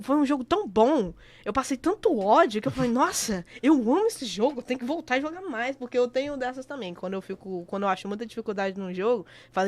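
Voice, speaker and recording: A woman's voice: on the high side, dry recording. A young woman from Brazil, a podcast co-host in casual chat, playful and laughing often.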